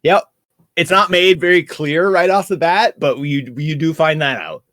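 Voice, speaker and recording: Male podcast co-host, wry recapper, voice on the higher side, dead-dry mic. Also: normal speed, fairly bright tone, no room sound. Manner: recaps scenes, dry joking asides. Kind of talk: casual chat.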